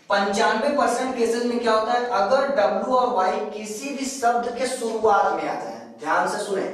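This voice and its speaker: A man from India with a Hindi accent from Uttar Pradesh, teaching an English grammar lesson in a coaching class. He asks the students questions and answers them himself, and reads the English lines out very slowly. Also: sits high. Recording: very echoey room, far from mic.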